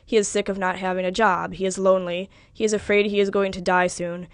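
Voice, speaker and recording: A woman reader with a mid-pitched, clean voice reads literary fiction in a measured, even manner. The recording is close and dry, without any room echo.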